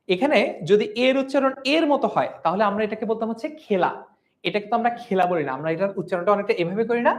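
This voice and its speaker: Lively young male teacher quizzing a class. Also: sits high. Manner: asks the class questions, then answers them himself; stretches out sounds to demonstrate pronunciation. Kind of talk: live online exam revision class.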